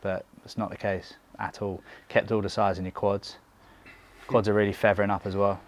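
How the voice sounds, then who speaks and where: A man's voice: fairly low pitch, moderate pace. Chatty coach man. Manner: chatty, relaxed, with frequent fillers and "mate". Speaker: bodybuilding coach and channel host. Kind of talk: casual vlog chat and coaching feedback.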